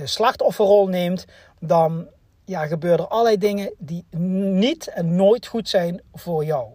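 A man's voice: sits high, a little mellow, no room sound, clean studio sound. A man hosting a personal development podcast, talking earnestly with many restarts and fillers. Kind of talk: motivational podcast monologue.

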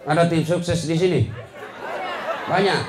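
High-voiced joking preacher. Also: male voice, fairly even intonation, measured pace, crowd noise, noisy background. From Sulawesi. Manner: joking, scolding, mocks boastful people in put-on voices. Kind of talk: humorous Islamic sermon.

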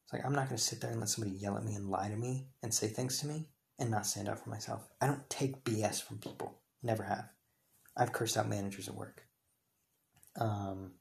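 Young male podcaster, low gravelly voice, rambling and heated delivery. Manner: rambling, heated, many restarts and fillers. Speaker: podcast host. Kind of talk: casual storytelling monologue.

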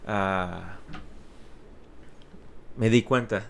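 Low, gravelly man. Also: slight background noise. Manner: halting, repeats and restarts words, code-switches into Spanglish. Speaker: interview guest. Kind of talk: casual personal storytelling.

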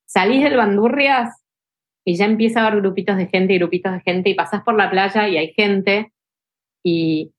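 A woman's voice: mid-range voice, normal speed, highs cut off. A young adult woman with a Rioplatense Spanish accent, telling emotional stories as a podcast guest in casual chat, with many fillers like "tipo" and "este". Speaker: ultra trail runner guest.

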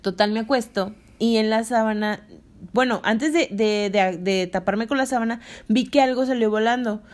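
A woman with a Mexican accent in casual chat, retelling a story in animated fashion and acting out what was said. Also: fairly high pitch, moderate pace. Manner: animated retelling with acted-out quotes and shrieks.

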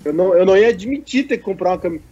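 A man's voice: high voice, animated, racing, dark tone, slightly rough, muffled recording. A man, co-hosting a casual sports chat and reading viewer messages in a joking way. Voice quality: nasal. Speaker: co-host.

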